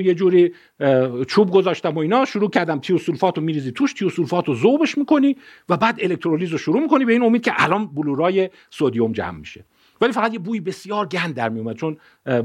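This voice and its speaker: This high-pitched man in his fifties is lecturing on science to the public. Animated and story-driven, he weaves a personal anecdote into the ideas, often stopping to correct himself.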